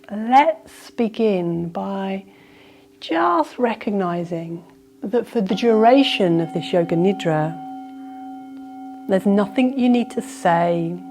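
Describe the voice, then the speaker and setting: The speaker, a woman with a mid-range voice, conducts a guided yoga nidra practice. Her improvised instructions are gentle and soothing, unhurried, and broken by reflective pauses.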